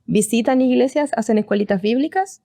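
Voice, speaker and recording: A woman's voice: a little high, brisk, warm tone, no echo, clean studio sound. A woman in her twenties with a Chilean accent, telling her story casually as a podcast guest. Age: 20s. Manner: storytelling with restarts.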